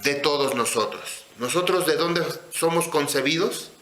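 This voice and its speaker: Slow, bright-voiced male scripture teacher. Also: on the high side, reverberant. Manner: slow, deliberate, asks listeners questions. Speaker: religious teacher.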